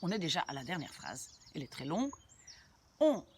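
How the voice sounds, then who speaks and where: Woman, language teacher, lower voice, lively pitch, patient word-by-word explaining. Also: a little fast, a little hiss or hum. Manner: patient, repeats and translates word by word; chatty asides to viewers. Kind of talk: language lesson explaining a sentence.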